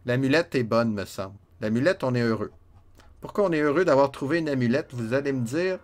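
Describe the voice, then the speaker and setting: A man's voice: medium pitch, lively intonation, fairly quick. Joking man with a Quebec French accent. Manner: joking, chatty, talks to himself while playing. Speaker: gamer. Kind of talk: let's play commentary.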